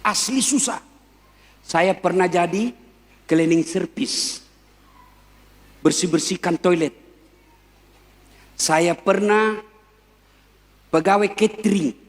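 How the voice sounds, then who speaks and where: A male preacher, giving a lively, joking sermon and speaking directly to a live crowd. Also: high voice, slow pace, pauses often. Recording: long hall reverb.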